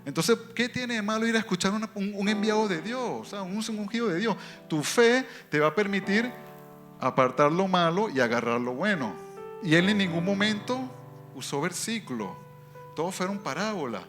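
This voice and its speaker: Lively man telling a church testimony. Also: high-pitched, over music. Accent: foreign accent in Spanish. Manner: lively storytelling, jumps between quick and drawn-out phrases. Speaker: church member giving testimony.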